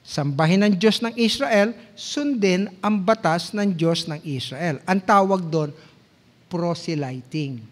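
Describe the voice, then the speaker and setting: A Filipino pastor preaching a sermon in mixed Tagalog and English, teaching like a lecturer and often checking in with the congregation. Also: male voice, high voice, animated. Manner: teacherly, asks the congregation questions and checks in with "okay?"; slow, deliberate delivery with drawn-out quoted verses. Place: church sanctuary.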